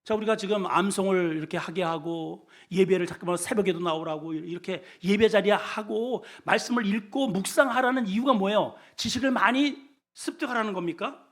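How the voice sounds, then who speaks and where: A male senior pastor preaching a sermon, asking the congregation questions, with sudden loud bursts and quiet low asides. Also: fairly quick. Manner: shouts often in his preaching; asks the congregation questions and has them repeat words.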